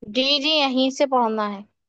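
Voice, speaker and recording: A woman teaching tajweed over a video call, patient as she corrects each student step by step. Her voice sits fairly high and sounds smooth and clear. The call audio comes through muffled and lo-fi. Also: a little slow, fairly bright tone. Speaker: Quran recitation teacher. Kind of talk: online tajweed class.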